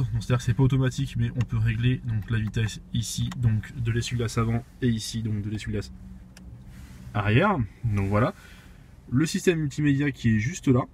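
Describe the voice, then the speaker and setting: A man's voice: medium pitch, a little mellow, a little hiss or hum. A young man showing a car's cabin in a casual walkthrough, filling his talk with "euh" and restarts, filmed on a phone inside the car. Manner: chatty, heavy with fillers and restarts. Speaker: car reviewer. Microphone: phone camera.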